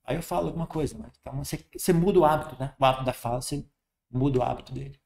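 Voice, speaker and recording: A man's voice: mid-range voice, very fast, gravelly, a little mellow. A man with a Brazilian Portuguese accent, a Buddhist monk giving a conversational dharma talk, often tagging "sabe?" and "né?".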